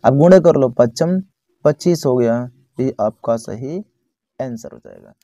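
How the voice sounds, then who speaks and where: Man, math teacher, patient step-by-step explaining, counts aloud, mid-pitched voice, dry close sound. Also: unhurried, dark tone, no echo. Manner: often checks in with the viewer.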